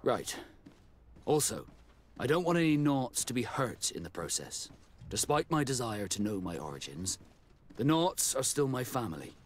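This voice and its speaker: A man playing an earnest, discreet naval captain with a measured delivery in a video game cutscene. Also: medium pitch, very animated, a little hiss or hum, natural voice. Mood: earnest, guarded. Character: naval captain, Vasco, earnest man seeking his origins.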